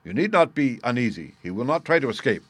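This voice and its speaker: Stern, self-assured gentleman detective, read by a male narrator for an audiobook: precise, formal, dry close sound. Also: medium pitch, big pitch swings, quick pace, breathy edge, dry recording. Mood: calmly assured. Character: masterful English detective, composed, stern and assured. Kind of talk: audiobook character dialogue.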